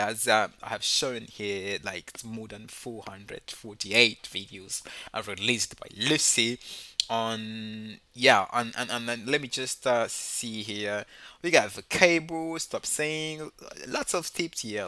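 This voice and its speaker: Bright-voiced man, non-native English speaker. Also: medium pitch, no echo. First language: not English. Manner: halting, repetitive, rambling. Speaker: YouTube host and English learner. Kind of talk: casual unscripted recommendation.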